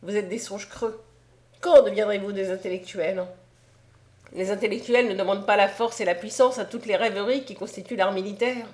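A woman's voice: medium pitch, steady tone, moderate pace, a little mellow, close to an everyday voice. A woman reading a mocking hefty angel prince. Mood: scornful. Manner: mocking, declamatory. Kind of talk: audiobook reading.

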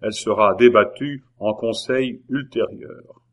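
A man's voice: on the low side, measured pace, lightly acted. A man voicing a grave, solemn male monk who presides over an assembly in an audiobook. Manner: grave, formal.

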